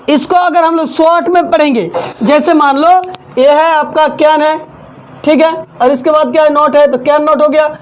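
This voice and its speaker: A woman's voice: sits high, slight background noise. A woman teaching English in a classroom, repeating each point and having the class echo it back. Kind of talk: classroom lesson, call-and-response drilling.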